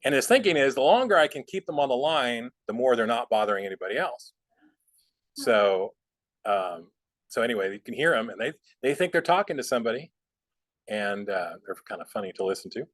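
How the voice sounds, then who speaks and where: A man gives a casual computer lesson, talking in a loose, meandering way and filling pauses with "um" and "so." His voice sits at an ordinary pitch and sounds dry and close, with no room echo. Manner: relaxed, rambling, lots of fillers. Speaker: bookkeeping instructor. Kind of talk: casual software class with chatty asides.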